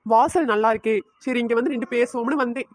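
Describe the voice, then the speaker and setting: A woman's voice: fairly high pitch, quick pace, no echo, natural voice. A woman voicing a chatty, playful young woman who talks straight to the viewer in a cartoon. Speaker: narrator.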